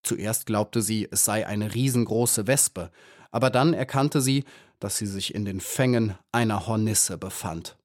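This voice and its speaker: A man reading a children's audiobook aloud. His voice is fairly low, and he tells the story in a measured, even way. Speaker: audiobook narrator. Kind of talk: scripted narration.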